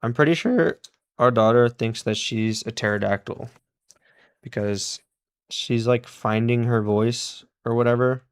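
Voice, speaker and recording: A man's voice: medium pitch, measured pace, clear, resonant tone. A man hosting a casual live stream as he repairs electronics, chatting and laughing often as he thanks and greets his viewers. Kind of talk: casual live-stream chat while soldering.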